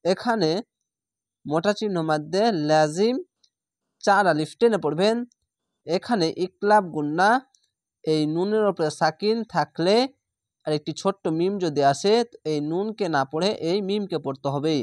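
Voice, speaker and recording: A man teaching Quran reading, sounding out each word slowly and repeating it before explaining how to pronounce it. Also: high voice, darkish tone, no room sound, studio quality. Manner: slow, patient, repeats each word drawn out. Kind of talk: recitation lesson, word-by-word.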